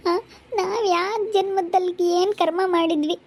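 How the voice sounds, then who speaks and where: A woman's voice: very high-pitched, steady tone, fast talker. A woman acting a tearful young pregnant wife who keeps complaining about how her family hurts her, speaking while crying. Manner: plaintive, complaining. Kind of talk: amateur family drama.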